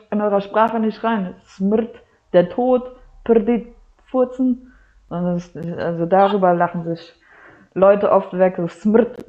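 A young woman with a Croatian family background, a guest telling anecdotes animatedly, often laughing and acting out dialogue. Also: mid-range voice. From Germany, Croatian family. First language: Croatian heritage speaker. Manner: animated storyteller, laughs often, acts out quotes. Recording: slightly dull lo-fi audio.

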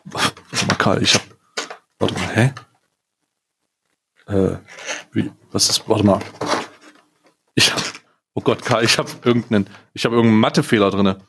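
A man hosting a casual chat, excitable and scatterbrained as he unboxes an advent calendar, laughing often. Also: on the low side, normal speed, vocal fry, long pauses, background noise. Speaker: podcast host.

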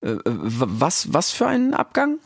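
A timid young male meerkat, put on by a man reading a storybook aloud. He stumbles and stammers over nearly every phrase in a squeaky, high voice. His pitch jumps around wildly, and the recording is close and dry. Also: wildly swooping pitch, normal speed, creaky, slightly rough, no echo, full character voice. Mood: nervous. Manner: stammering, hesitant. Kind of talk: audiobook character voice.

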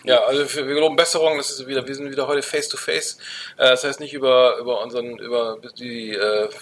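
A middle-aged man co-hosting a casual podcast, speaking haltingly and often searching for words. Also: medium pitch, steady tone, fairly bright tone. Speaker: podcast co-host.

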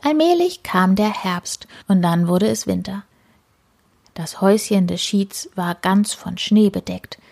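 Brief: woman narrator, whispered storytelling, hushed and breathy, mid-pitched. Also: a little slow. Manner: soft, hushed.

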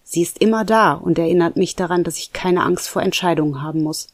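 A storyteller voicing a calm, patient male roommate who gently guides a friend, in a dry, close recording. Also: mid-range voice, fairly quick, no room sound, lightly acted.

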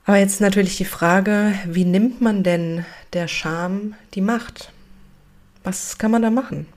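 A woman's voice: mid-range voice, a little slow, a little mellow. A woman hosting an interview conversation, engaged, summarizing what she has heard and asking questions. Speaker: host.

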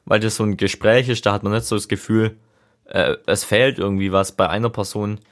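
A man's voice: fairly low pitch, steady tone, brisk. A young man talking casually and reflectively on a solo podcast, thinking aloud in an informal, rambling way. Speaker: podcast host. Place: seated, leaning back in a chair.

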